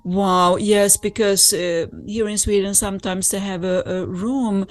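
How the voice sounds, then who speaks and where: A middle-aged woman from Finland, interviewing in a gentle, halting way and laughing softly. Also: medium pitch, fairly even intonation, soft background music. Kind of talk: casual interview conversation.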